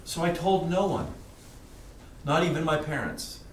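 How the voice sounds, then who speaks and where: A man with a Western Canadian English accent giving a personal testimony in short, plain phrases, pausing for translation. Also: on the high side. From British Columbia, Canada. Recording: distant mic in echoey room, faint noise.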